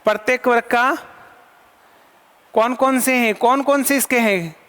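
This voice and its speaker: A man's voice: extremely high pitch, measured pace, pushed and bright. A man teaching an online lesson, asking questions and answering them himself and counting items aloud. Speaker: Sanskrit teacher. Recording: long hall reverb.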